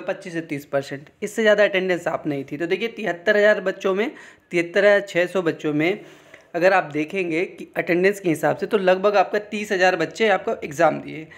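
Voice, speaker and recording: An exam-prep coach gives an informal explainer in a medium-pitched voice, teaching in an instructional way. The coach repeats points and frequently adds short check-in tags.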